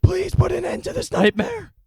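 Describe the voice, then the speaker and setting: An exasperated, whiny cartoon sidekick. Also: male voice, very high voice, moderate pace, darkish tone. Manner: pleading, whiny complaints.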